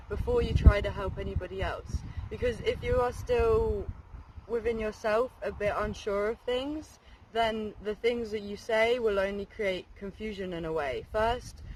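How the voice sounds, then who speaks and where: High-voiced man talking earnestly outdoors. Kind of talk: casual reflective talk. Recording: noisy outdoor recording, urban traffic.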